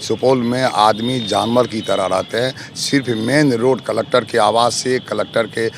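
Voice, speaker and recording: Forceful man listing complaints. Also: mid-range voice, steady tone, moderate pace, creaky, a little hiss or hum. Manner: forceful, accusatory, repetitive lists. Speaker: local election candidate. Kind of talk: outdoor interview answers.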